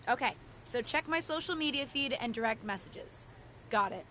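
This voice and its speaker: An earnest young rookie wrestler in game dialogue. Her voice is bright and fairly high, and she speaks in a calm, plain way. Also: a little fast, creaky, a little hiss or hum.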